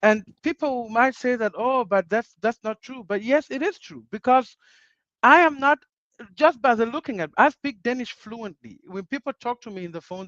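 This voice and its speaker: A Ugandan man, appearing as a guest on a panel discussion, speaks earnestly in a high-pitched, slightly bright voice, restarting phrases and repeating himself for emphasis. The recording is dry and dull with a lo-fi quality and no room sound.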